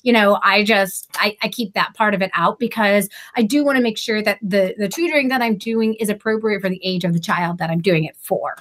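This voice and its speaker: Speaking in a mid-range voice, this middle-aged reading tutor runs a casual live-stream conversation on a video call. She comes across lively and quick to laugh, her speech peppered with fillers.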